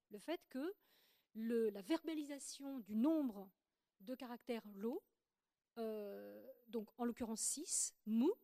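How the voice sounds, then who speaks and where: A woman giving an academic lecture, explaining slides carefully and pausing often to rephrase as she speaks. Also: fairly high pitch, dark tone, no room sound, clean studio sound. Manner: careful, explanatory, with frequent hesitations and restarts.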